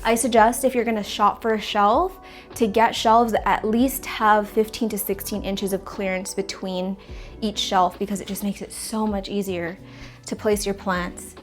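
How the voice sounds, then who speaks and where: Sniffling with a stuffy nose, a woman moves houseplants around her apartment plant room for her plant vlog. She's chatty, rambles a little and corrects herself, speaking at normal speed in a steady, medium-pitched voice with faint music behind.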